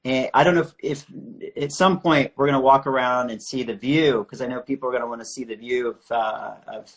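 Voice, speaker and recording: A man's voice: mid-range voice, fairly even intonation, brisk. A man hosting a live online art interview series over a video call, chatty and full of questions. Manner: friendly, chatty, asks questions.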